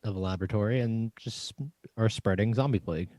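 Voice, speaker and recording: A young man with a somewhat low voice hosts a relaxed podcast chat and steers the talk along in an easygoing way. His voice is recorded dry and close, with no room sound. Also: brisk, no room sound. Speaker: podcast host. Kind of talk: casual chat.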